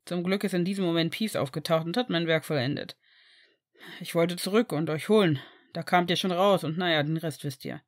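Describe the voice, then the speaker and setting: A woman voicing a young male student who speaks quietly and low, in an audiobook reading. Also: a little fast, dry recording, clean studio sound, natural voice. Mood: hushed.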